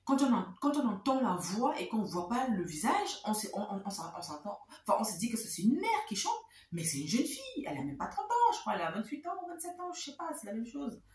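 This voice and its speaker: Woman, host, casual storytelling, chatty, lively, repeats words, mid pitch, echoey room. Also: far from the mic, a little hiss or hum.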